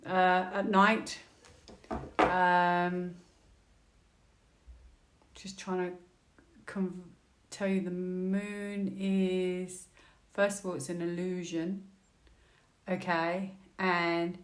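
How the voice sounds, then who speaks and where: Woman, tarot vlogger: chatty and thinks out loud, prone to excited squeals. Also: lowish voice, very slow, pauses often. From United Kingdom. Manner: chatty, thinks aloud while drawing cards, with frequent fillers; bursts into excited squeals and laughter. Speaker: tarot reader. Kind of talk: tarot reading vlog.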